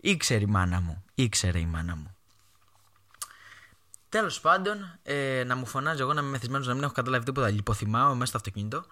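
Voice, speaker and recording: Animated young man telling stories. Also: mid-range voice. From Greece. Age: young adult. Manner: animated, acts out his mother's voice in quoted lines. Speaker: podcast host. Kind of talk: casual storytelling monologue.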